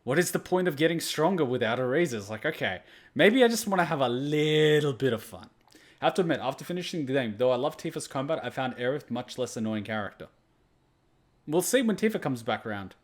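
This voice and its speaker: A man giving casual reaction commentary over a video game, excitable and rambling, with a dramatic streak. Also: medium pitch, brisk. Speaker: gaming reactor.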